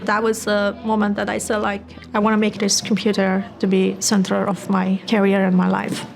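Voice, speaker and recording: Afghan-accented woman, halting interview speech. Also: medium pitch, completely flat delivery, gravelly, soft background music. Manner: non-native English, halting with many fillers. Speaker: tech entrepreneur interviewee. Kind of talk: documentary interview.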